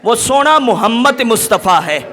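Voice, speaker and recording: A man's voice: very high voice, expressive, sharp tone, full character voice. A man preacher voicing a young orphan boy who speaks earnestly and pleads. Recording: long hall reverb.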